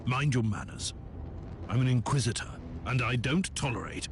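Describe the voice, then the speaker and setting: Man acting an imperious inquisitor, mid-pitched. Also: expressive, moderate pace, close to an everyday voice. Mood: haughty. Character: imperious, self-assured male inquisitor. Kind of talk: video game voice acting. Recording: noisy game ambience.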